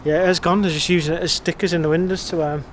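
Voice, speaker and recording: A man's voice: a little high, steady tone, rapid-fire, a little hiss or hum. An English man vlogging as he walks a town's streets and pubs, giving a blunt, sweary, wry running commentary. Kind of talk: casual walking vlog. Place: outdoors on town streets at night, then inside a pub.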